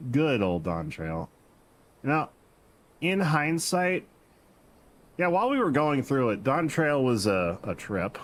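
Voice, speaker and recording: A man's voice: mid-range voice, sing-song, takes it slowly, long pauses. A man streaming a game, chatting casually and correcting himself as he rambles. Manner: rambling, self-deprecating, corrects himself mid-sentence.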